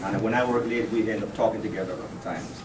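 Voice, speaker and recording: A man speaks at an indoor office farewell party, chatty and informal, repeating himself here and there. He stands well back from the microphone in a roomy space. Steady background noise runs under his voice. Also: fairly low pitch, rapid-fire, distant mic. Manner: chatty, laughs between phrases, repeats words. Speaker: colleague giving a farewell speech. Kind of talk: informal farewell speech, partly read aloud.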